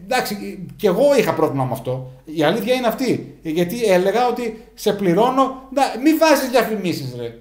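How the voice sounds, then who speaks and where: Sarcastic high-voiced comedian. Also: male voice, sing-song, few pauses, reverberant. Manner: sarcastic, ironic, acts out neighbors and friends in quoted voices. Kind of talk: satirical stand-up monologue.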